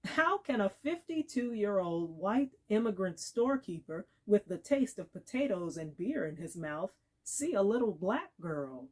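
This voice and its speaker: Performing literary fiction aloud, a woman reads dramatically and takes her time, letting phrases settle through deliberate pauses. Her medium-pitched delivery is expressive yet measured.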